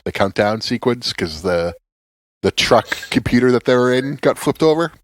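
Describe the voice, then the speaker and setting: A man's voice: mid-range voice, expressive, normal speed, dry recording. A man in casual podcast chat, laid-back, dropping dry quips.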